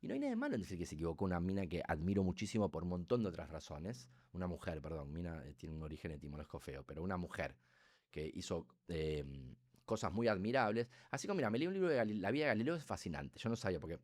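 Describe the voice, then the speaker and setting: A middle-aged Argentine man with a Rioplatense accent, explaining as a neuroscientist guest in a casual podcast, talkative and animated, acting out quotes and sound effects. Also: low voice, fast talker. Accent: Rioplatense Spanish.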